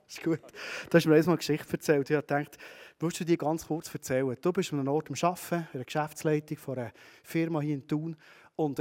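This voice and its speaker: High-voiced Swiss German preacher. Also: male voice. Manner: conversational, addresses listeners directly. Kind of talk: sermon.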